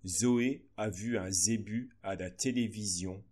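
A man with a low, husky voice reads a phonics lesson. He goes very slowly and deliberately, pausing between each word. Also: darkish tone. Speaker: teacher. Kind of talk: slow phonics lesson reading.

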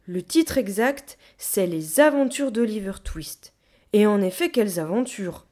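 A woman voicing a short-tempered, book-loving female gorilla who shouts indignantly in an audiobook. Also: medium pitch, lively intonation, a little slow. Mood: enthusiastic. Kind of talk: audiobook reading.

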